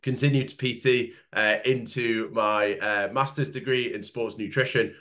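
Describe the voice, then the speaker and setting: A man's voice: on the low side, a bit bright. A man in his late twenties with a nasal, congested voice, talking at length as a nutritionist guest in a webinar, with many fillers and restarts. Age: late 20s. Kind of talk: webinar talk.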